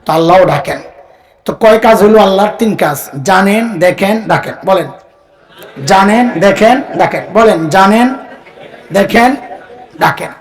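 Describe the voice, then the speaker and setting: A man preaching a sermon to a live audience. He speaks plainly, gets the crowd to repeat phrases back to him, and rises to a shout for emphasis. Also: high-pitched, measured pace, pauses often, rough recording. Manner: call-and-response, has the crowd repeat phrases; plain colloquial speech.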